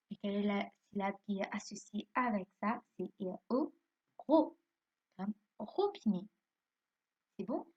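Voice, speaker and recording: Working from home, a woman who teaches primary school spells out words one letter at a time for young pupils, quizzes them, and supplies the answers herself. She has a mid-range, darkish, husky voice, and the recording's highs are cut off.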